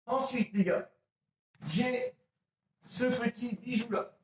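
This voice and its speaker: A man's voice: on the high side, darkish tone. A man casually showing his airsoft gear to viewers, chatty and self-mocking, talking straight to the audience. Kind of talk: casual gear show-and-tell. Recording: roomy echo, mic a bit far off.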